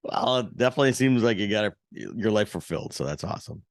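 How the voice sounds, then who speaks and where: Low-voiced male co-host, dry sound. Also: expressive, fast talker, no echo. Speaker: podcast co-host. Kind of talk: casual interview chat.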